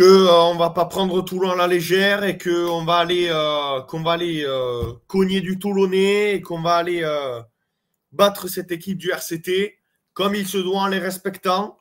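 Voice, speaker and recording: A man's voice: high-pitched, measured pace, a bit bright. A man from the Landes giving casual rugby fan commentary to his viewers, chatty and full of hesitations. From Landes, France. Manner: chatty, hesitant, many fillers, addresses viewers as "les gars".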